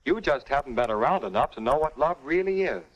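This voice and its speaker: An actor playing a cocky young American older brother in a stagy 1950s educational film, with an emphatic, lecturing way of talking. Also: male voice, mid-range voice, lively intonation, fairly quick, lightly acted. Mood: conciliatory, knowing. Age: young adult. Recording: dull old film soundtrack.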